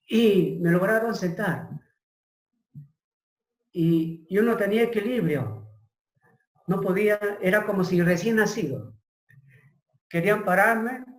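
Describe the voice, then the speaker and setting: A middle-aged man telling a personal testimony as an interview guest, halting and searching for his words. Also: sits high. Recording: roomy echo.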